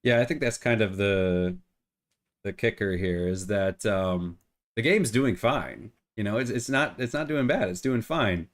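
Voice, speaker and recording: A middle-aged man with a cold co-hosts a casual gaming podcast, his phlegmy voice fairly low and a little slow. He often repeats words as he restarts his sentences.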